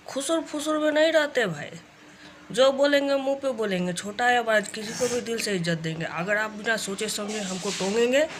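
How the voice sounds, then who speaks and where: A woman's voice: medium pitch, background noise. A young woman vlogger speaking straight to camera, scolding someone in a confrontational tone and repeating her warnings. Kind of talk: direct-to-camera rant vlog.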